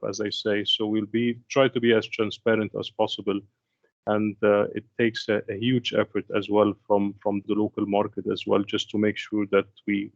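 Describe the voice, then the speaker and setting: Procurement head from Egypt, male, low voice, dry muffled call sound, hesitant delivery. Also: creaky, no room sound. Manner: halting, many restarts and fillers. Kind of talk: webinar opening remarks. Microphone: dialing in on a call. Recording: dull lo-fi call audio.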